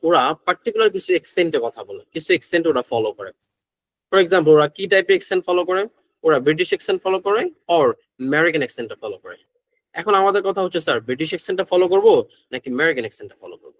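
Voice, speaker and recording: In an online class lecture, a man with a Bangladeshi accent teaches English pronunciation, blending Bengali with English phrases and constantly questioning his students. His voice sits on the high side and a bit bright, captured in a dry, low-quality recording.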